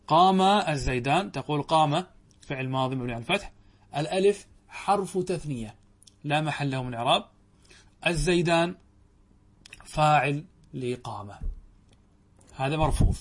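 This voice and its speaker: A man with a somewhat high-pitched voice teaches a grammar lesson to a class of students. He keeps it animated, throws questions at the class and leans hard on the key words. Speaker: religious teacher.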